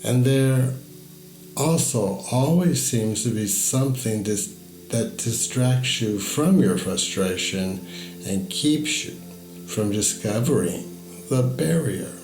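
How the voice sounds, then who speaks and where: Over background music, a man narrates a guided meditation story in an echoey recording. His mid-range voice is expressive, and he speaks slowly and measuredly, with deliberate pauses between phrases.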